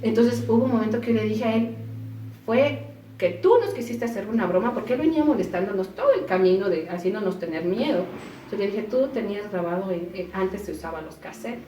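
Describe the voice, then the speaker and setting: A woman recounts a story in a relaxed, spoken way, throwing her voice up high whenever she quotes someone. Her voice sits at a middle pitch and comes from some distance off the mic. The room is echoey and a faint hiss runs underneath. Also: fairly quick. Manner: animated, acts out quoted voices with pitch jumps. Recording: roomy echo, voice from a distance, faint noise.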